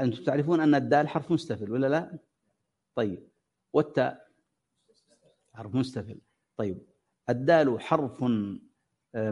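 A man's voice: medium pitch, darkish tone. A man teaching Quran recitation, patiently drawing out sounds as examples and quizzing his students. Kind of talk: classroom lesson on tajweed. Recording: dull lo-fi recording.

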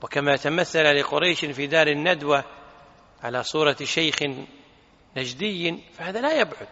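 A man's voice: on the high side, moderate pace, pushed and bright, a little hiss or hum. A man teaching a religious lesson, explaining a text emphatically and posing rhetorical questions. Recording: reverberant hall, dull lo-fi sound.

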